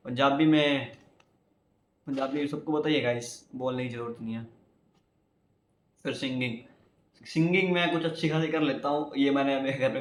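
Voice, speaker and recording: A man's voice: medium pitch, roomy sound. A young man from India talking casually to his viewers, rambling and chatty, often calling them guys. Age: young adult. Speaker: YouTuber. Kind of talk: casual vlog talk.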